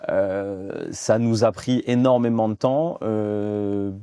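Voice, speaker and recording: A man's voice: fairly low pitch, takes it slowly, warm tone, clear, resonant tone, no echo, clean studio sound. A man in his thirties from France, a guest in a business interview, talking with many fillers and restarts. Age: 30s. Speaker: guest, fund development director.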